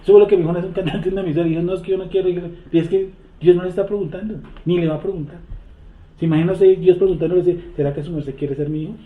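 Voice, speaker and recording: Male Bible teacher, fairly high voice, echoey room, tinny phone-like sound; asks the group questions. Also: steady tone. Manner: asks the group questions, repeats verses slowly. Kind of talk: interactive Bible study teaching.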